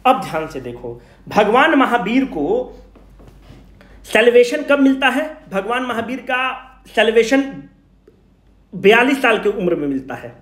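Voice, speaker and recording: A high-voiced man with a Bihari Hindi accent, an exam coaching teacher, delivers a casual revision lecture in an echoey room, asking questions and answering them himself while hammering key points in everyday words. His pitch swings widely, and he speaks unhurriedly with frequent pauses and a slightly bright tone.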